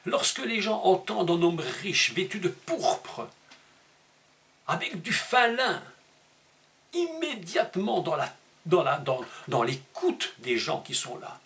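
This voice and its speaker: A man preaching a sermon, emphatic and teaching, asking rhetorical questions and leaping up in pitch on key words. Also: sing-song, a bit bright. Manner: emphatic teaching tone with dramatic pitch leaps and slowed stressed words.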